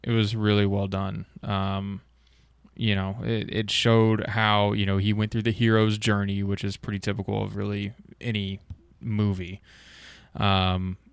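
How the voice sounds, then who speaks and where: A man's voice: lowish voice, completely flat delivery, measured pace, creaky, clean tone, no echo. A man hosting a casual film chat, rambling with lots of fillers and swearing when he gets worked up.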